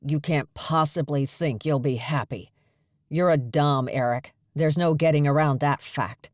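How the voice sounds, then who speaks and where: A gruff, gravelly male dragon, as a woman narrator puts him on, blunt and lecturing in a low, dark tone. His voice sits close and dry, with no room around it. An audiobook figure who speaks his mind. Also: measured pace, no echo. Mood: stern.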